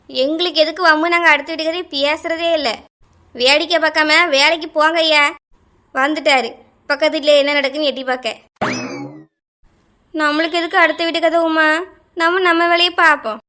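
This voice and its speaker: A woman voicing a nosy village gossip in a cartoon. Her voice is high and sharply bright, and she chatters and scolds. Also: steady tone, moderate pace, pauses often. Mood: gossipy scolding. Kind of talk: cartoon voice acting.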